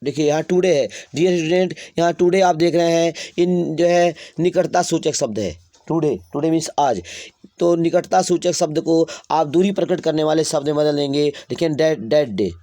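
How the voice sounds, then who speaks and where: Male grammar teacher, mellow tone, slow dictation. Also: on the high side, no echo, clean studio sound. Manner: slow dictation of example sentences, explaining in Hindi. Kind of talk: classroom lesson.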